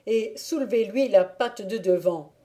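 An eager young male hunting valet from a storybook reading, as a woman acts him out, bossy and loud in his exclamations. His voice sits a touch above the reader's own, mellow and dark in tone. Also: medium pitch, unhurried, close to an everyday voice. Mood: insistent.

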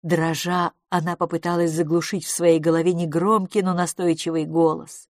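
A woman narrating an audiobook in a measured, expressive reading style. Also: on the low side, no echo, clean studio sound. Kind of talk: scripted narration.

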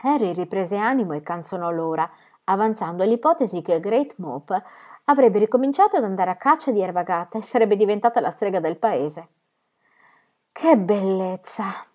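A woman narrating a novel as an audiobook reader, with a measured, expressive delivery. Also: mid-range voice. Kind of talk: scripted literary narration.

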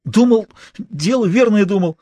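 A frightened small-time crook who whimpers and babbles the same pleas over and over. His voice climbs far higher than the reader's own and swings wildly. The sound is dry and close. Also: lively intonation, a little slow, warm tone, dry recording. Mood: begging. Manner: frantic, repetitive, whimpering. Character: terrified petty male thief, pleading and babbling.

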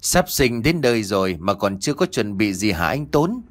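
A man's voice: lowish voice, sing-song, moderate pace. A man voicing an older village midwife who scolds and gives orders. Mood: bossy. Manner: scolding, commanding.

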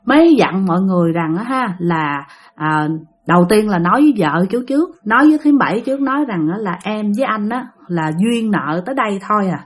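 A woman's voice: mid-range voice, lively intonation, a little fast, husky. A woman telling ghost stories in a chatty, casual way, full of filler particles and asides to her listeners. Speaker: storyteller. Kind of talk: casual spoken storytelling.

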